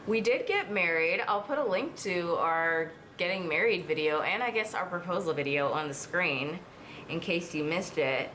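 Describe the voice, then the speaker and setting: A beauty vlogger in her twenties does her makeup at home in front of a mirror, chatting casually with viewers and rambling with lots of fillers. Her voice is medium-pitched and fairly bright, with a little hiss or hum on the recording.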